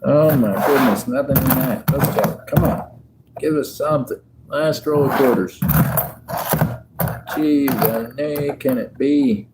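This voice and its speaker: Over very noisy audio, a relaxed man in his 50s hosts a livestream, sorting coins as he jokes and chats with viewers. His voice is mid-range and his pace slow.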